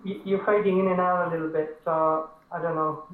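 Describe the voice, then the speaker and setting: A man's voice: a little high, little pitch movement, fairly quick. A man moderating a call, talking in a hesitant, apologetic way over a crackly mobile phone line. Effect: crackly phone line, calling in on a mobile. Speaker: webinar moderator. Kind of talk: casual call chat. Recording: tinny echoey phone line.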